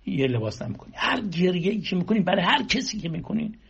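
A man's voice: high-pitched, big pitch swings, vocal fry, fairly bright tone, breathy edge. A man giving a spiritual sermon, exhorting listeners with rhetorical questions and long lists, on a dull lo-fi recording. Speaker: religious speaker.

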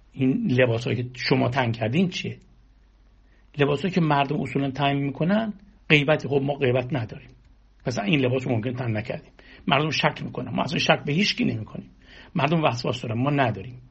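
Gravelly, husky male preacher. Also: fairly high pitch, highs cut off. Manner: exhorting, fires rhetorical questions and long lists. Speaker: religious speaker. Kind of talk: spiritual sermon.

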